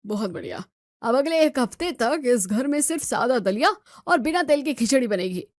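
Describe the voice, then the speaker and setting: A woman's voice: on the high side, lively intonation, moderate pace, no echo, clean studio sound, lightly acted. A woman voicing a strict male doctor who gives firm warnings. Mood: stern.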